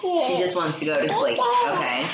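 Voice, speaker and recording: A woman's voice: on the low side, huge pitch swings, moderate pace. A woman co-hosting a podcast, telling spooky jokes in a casual way, laughing often and swearing freely. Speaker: podcast co-host. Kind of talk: casual storytelling chat. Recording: roomy, dull lo-fi sound with clear room noise.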